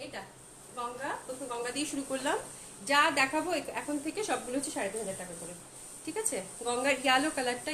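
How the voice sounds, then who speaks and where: A woman selling clothes on a live stream, chatting and gushing over each dress while slipping in English phrases. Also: high-pitched. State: feeling hot. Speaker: online clothing seller. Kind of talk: live-stream product showcase. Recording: echoey room with loud background noise.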